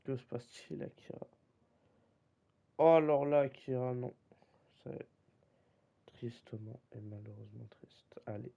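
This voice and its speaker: A man's voice: mid-range voice, fairly even intonation, a little slow, gravelly, warm tone, husky, dull audio. A young man streaming a football game live, chatting casually in slang and teasing his viewers. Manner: slangy, teasing, keeps saying "gros". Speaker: streamer running a football league. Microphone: desk microphone.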